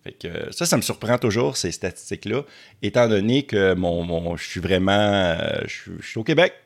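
A man's voice: on the low side, animated, normal speed. A man from Quebec with a Québécois accent, hosting casually and stammering as he repeats words. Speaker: YouTube host. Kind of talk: casual chat.

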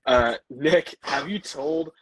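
A man's voice: fairly high pitch, slow pace, a bit bright, no echo, low-quality recording. A young man co-hosting a podcast, chatting casually, often stumbling over his words and swearing casually. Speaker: podcast co-host. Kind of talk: casual chat.

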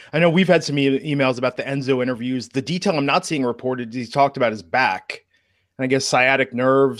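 A man's voice: mid-range voice, a bit bright, no echo, clean studio sound. A man co-hosting a podcast, chatting casually and animatedly about wrestling news. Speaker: podcast co-host. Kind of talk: casual wrestling talk chat.

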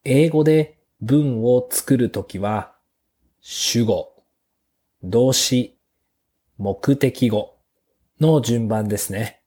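A man hosting a beginners' Japanese lesson podcast, speaking slowly and simply with small fillers. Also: mid-range voice, warm tone. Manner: slow, clear teacher's delivery with fillers. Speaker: podcast host teaching Japanese.

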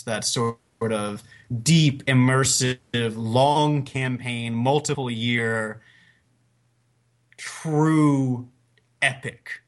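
A man co-hosting a gaming podcast, talking with enthusiasm and letting his phrases trail off quietly. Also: medium pitch. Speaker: podcast co-host. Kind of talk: casual podcast talk.

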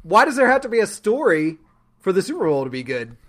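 A man's voice: high-pitched, big pitch swings, quick pace, a bit bright. A man co-hosting a sports podcast in casual banter with his co-hosts.

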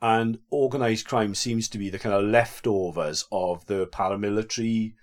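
Lowish-pitched South Welsh man chatting. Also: normal speed. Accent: South Wales. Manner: chatty, jokey, informal tag questions. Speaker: podcast host and vicar. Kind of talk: casual conversational explaining of faith.

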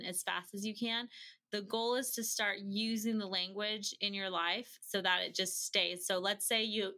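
A woman appears as a podcast guest, a language-learning educator offering chatty, practical advice built on everyday examples and little acted-out snippets of dialogue. Her medium-pitched voice sounds bright and forceful in this casual conversation.

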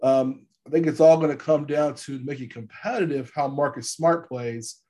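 A man with a stuffy, gravelly voice from allergies, hosting a casual sports podcast and informally rephrasing his points as he goes. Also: mid-range voice, normal speed, warm tone. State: congested from allergies. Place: podcast studio.

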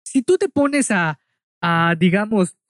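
A man's voice: sits high, animated, slow, a bit bright, no room sound, studio quality. A man from Mexico with a Mexican accent, casually telling a story in a monologue, chatty and full of asides, speaking straight to the listener.

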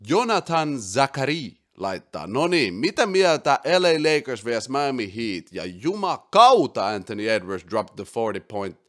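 A man hosting a casual podcast, excitable, swinging between loud outbursts and quiet asides, dropping English slang into his talk. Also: mid-range voice, hardly any pauses. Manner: mixes English slang into speech. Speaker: podcast host. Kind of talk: casual basketball chat.

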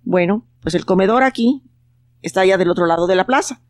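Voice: medium pitch, brisk, close to an everyday voice. A storyteller voicing a schoolteacher in a children's tale, in a matter-of-fact, lecturing tone. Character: stern schoolteacher in a village of liars.

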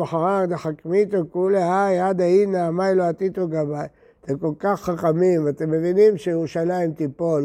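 A man's voice: high voice, vocal fry, dark tone. An older rabbi who teaches Talmud. He chants the Aramaic text and then explains it in plain Hebrew.

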